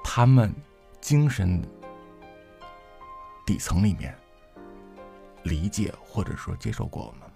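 Animated male storytelling podcast host. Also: fairly low pitch, slow pace, gravelly, pauses often, soft background music. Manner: lively storyteller who acts out dialogue. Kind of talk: casual storytelling chat.

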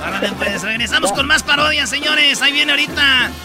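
A man's voice: very high voice, a little fast, over loud music, over a noisy crowd. A man hosting a comedy radio show with playful, slangy banter.

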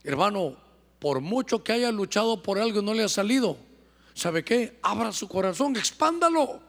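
Honduran preacher man going hard at church, lots of "hermano", high-pitched and echoey. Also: lively intonation, moderate pace. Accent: Honduran Spanish. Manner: fervent, keeps addressing "hermano". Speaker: apostle preaching. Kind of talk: sermon. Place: church service. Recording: long church hall reverb.

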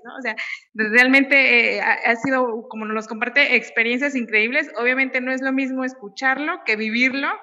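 Bright-voiced woman interviewing, hesitant. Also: fairly high pitch. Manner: hesitant, repeats words while asking. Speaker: podcast host. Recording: lo-fi audio with long reverb.

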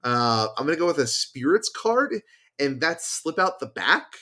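A man's voice: on the high side, big pitch swings, normal speed, sharp tone. Man explaining card game tactics. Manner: thinks aloud with fillers and restarts. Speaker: podcast guest. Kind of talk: casual chat.

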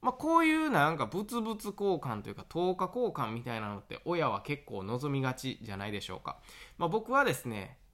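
A man in his thirties with a Kansai Japanese accent, hosting his own radio show and telling a story in a relaxed, rambling way full of fillers. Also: on the high side, brisk. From Awaji Island, Japan. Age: 30s. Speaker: podcast host and farmer. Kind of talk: casual solo radio talk.

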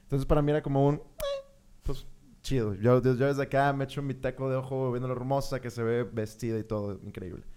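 A young man with a Mexican Spanish accent, a podcast co-host telling a story in casual chat, animated, full of slang and swearing, acting out his own reactions. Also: medium pitch, brisk, clear, resonant tone.

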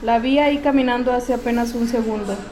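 A woman's voice: fairly high pitch, fairly even intonation, fairly quick, lightly acted. A woman playing a female shift supervisor who jokes with her staff and gives urgent orders. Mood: alarmed. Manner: teasing, then urgent commands. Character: female shift supervisor, joking but protective.

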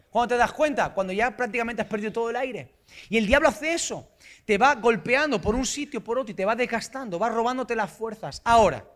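A man from Spain preaching a sermon in a church hall, emphatic and rising to shouts on key phrases. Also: very high voice. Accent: Spanish from Spain. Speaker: pastor.

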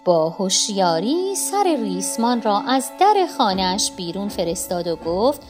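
A woman narrating a children's story in an expressive storytelling manner. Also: mid-range voice. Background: soft music.

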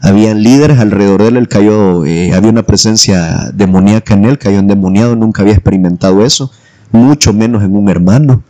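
A man from El Salvador with a Salvadoran accent, telling a personal faith testimony as a guest, lively and acting out the voices he quotes. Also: on the low side, fairly quick. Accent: Salvadoran Spanish.

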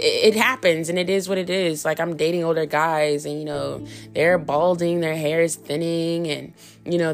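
A woman in her thirties hosting a solo podcast, talking candidly and frankly in a chatty way full of fillers, with hiccups and coughs. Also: on the low side. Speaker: podcast host. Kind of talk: casual solo podcast monologue.

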